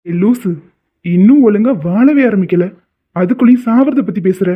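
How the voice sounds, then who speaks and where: A performer voicing a caring, affectionate young husband in a cartoon, speaking gently and soothingly. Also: mid-range voice, moderate pace, breathy edge, natural voice. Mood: gentle. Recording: tinny phone-like audio.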